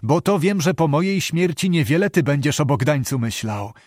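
A man voicing an old, gruff knight uncle who is practical and worried, speaking in blunt archaic phrases. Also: on the high side, moderate pace, darkish tone, no room sound, studio quality, lightly acted.

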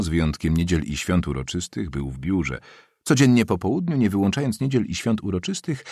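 A man narrating a classic novel in a measured, expressive reading. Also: low voice, breathy edge, dry recording, studio quality. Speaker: audiobook narrator.

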